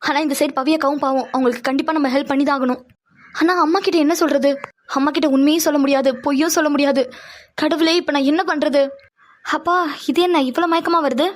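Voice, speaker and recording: A woman's voice: high-pitched, fairly even intonation, fast talker, close to an everyday voice. A woman voicing a polite, worried young woman in a cartoon who insists on helping. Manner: polite, eager to help.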